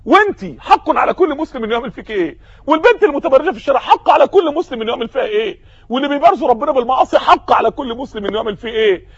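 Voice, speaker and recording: A man's voice: extremely high pitch, expressive, rapid-fire, dry recording, lo-fi sound. A man with an Egyptian Arabic accent preaching a sermon, impassioned and firing off rhetorical questions.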